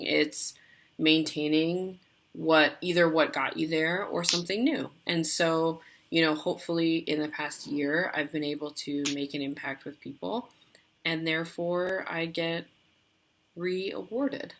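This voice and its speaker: A woman's voice: sits low, fairly bright tone. A woman co-hosting a podcast over a video call, chatty and rambling with lots of filler words. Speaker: podcast co-host. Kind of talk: casual chat.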